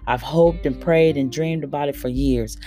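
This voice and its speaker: A woman voicing a soft-spoken, weary preacher father. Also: low voice, moderate pace, soft background music, voice pushed down, natural voice. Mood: tender. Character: gentle, sorrowful father, a preacher. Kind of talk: audiobook character voice.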